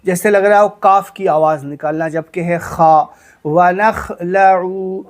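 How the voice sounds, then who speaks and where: A man teaching a prayer recitation, chanting it slowly and drawn out, then correcting pronunciation in quicker spoken asides. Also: a little high. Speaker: religious teacher. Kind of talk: recitation lesson.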